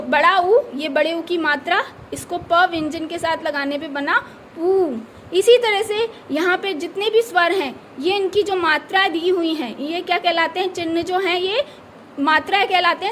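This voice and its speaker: Lady teacher going over a lesson slowly, asks then answers herself, slight background noise. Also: very high-pitched, a bit bright. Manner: patient, repeats key words, asks and answers own questions. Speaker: school teacher. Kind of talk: explaining a lesson to children.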